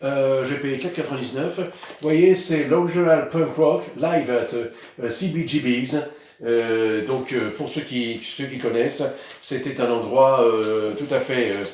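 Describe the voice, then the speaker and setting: A man's voice: medium pitch, unhurried, a little mellow, very echoey, slight background noise. A man casually showing his vinyl records outdoors, rambling with many hesitations. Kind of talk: casual vlog. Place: outdoors in the sun.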